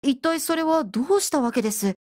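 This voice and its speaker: An amazed man from the past, asking one polite question after another, as a woman reads him. His voice sits a touch high in an audiobook reading. The sound is dry and close. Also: animated, fairly quick, darkish tone, dry recording. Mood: wondering.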